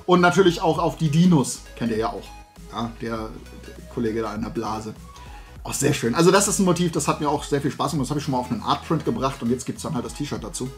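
Soft background music accompanies a middle-aged man who hosts a toy and comics show indoors, surrounded by shelves of collectibles. He's a fast talker with a mid-range voice, chatting colloquially and rambling to camera.

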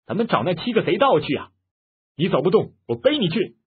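A man voicing a fierce middle-aged woman martial artist who scolds harshly and loudly. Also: mid-range voice, sing-song, normal speed, slightly rough. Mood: angry. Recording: muffled phone-like lo-fi audio.

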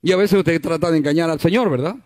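High-voiced preacher. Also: male voice, fast, a little mellow. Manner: conversational preaching with rhetorical questions and acted quotes. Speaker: pastor. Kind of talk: sermon. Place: church service.

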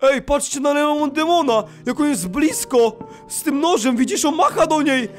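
Brief: young male gaming host, very high voice, excitable running commentary, music playing faintly behind. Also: normal speed. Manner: excitable, shouting and narrating the action. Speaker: YouTube host. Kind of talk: excited Minecraft gameplay commentary.

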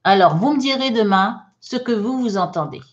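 A woman's voice: a little high, animated, normal speed, highs cut off. A woman teaching English in during a live online lesson, reading viewers' comments aloud with many fillers.

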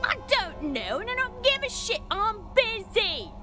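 A woman's voice: extremely high pitch, sing-song, unhurried, full character voice. An actress voicing a rude, snappy female alien townsperson in a video game, hostile and swearing. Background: game music.

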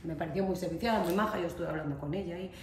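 A woman with an accent from Spain, telling a story to camera in a chatty, animated way, full of fillers and asides. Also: lowish voice, racing. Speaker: vlogger. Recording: echoey room with faint ambient noise.

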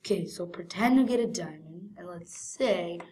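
A woman improvising a game role-play, jumpy, repeating herself and swinging from hushed to yelping. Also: on the low side, moderate pace. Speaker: roleplay player and channel host.

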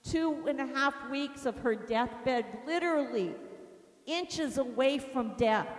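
A woman minister teaching a deliverance class, telling stories in an animated way and acting out quotes. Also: on the high side. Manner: animated storytelling, acts out quotes. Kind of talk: teaching sermon with personal stories. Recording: reverberant hall.

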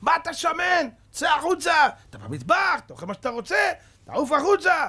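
A man voicing a brutal male Nazi officer who screams furious orders in a very high, strained voice. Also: sing-song, bright, forceful tone, shouting, heavily acted. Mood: furious shouting.

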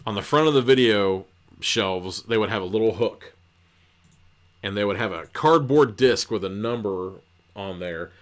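A man's voice: lowish voice, normal speed. Rambling, profane man recapping a book. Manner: rambling, profane, lots of fillers. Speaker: podcast host reviewing books.

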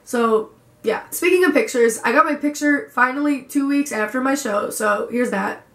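A woman's voice: high voice, moderate pace, a bit bright. Gushing young woman vlogger, echoey room. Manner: gushing, lots of "like". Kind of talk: casual vlog storytelling.

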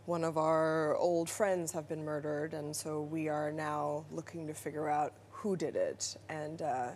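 A woman in her thirties from Denmark, an actress and writer, talking in a relaxed, thoughtful way with many fillers as a guest on a TV studio interview. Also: deep voice, measured pace, a little hiss or hum. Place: TV news studio. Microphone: lapel mic.

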